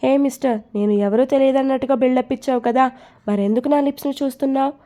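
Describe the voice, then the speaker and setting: A woman's voice: sits high, fairly even intonation, quick pace, natural voice. A woman voicing a proud, hot-tempered young woman. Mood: angry. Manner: indignant, sharp-tongued.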